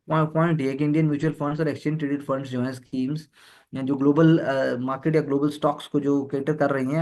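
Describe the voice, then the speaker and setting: Higher-voiced male exam tutor. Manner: code-switching, repeats words, leans on fillers. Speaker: exam prep teacher. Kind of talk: explaining news editorials to students.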